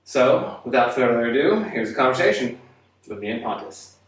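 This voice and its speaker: A man hosting a casual podcast, excited and halting, with lots of fillers and restarts. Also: medium pitch, slight background noise. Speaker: podcast host. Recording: echoey room.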